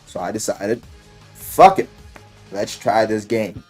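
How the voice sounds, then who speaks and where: Reviewing a visual novel on YouTube, a man offers casual, loosely scripted commentary that rambles, with emphatic, slangy, and profane remarks. His voice sits on the low side, slightly rough and darkish, and he takes it slowly. Music plays behind him.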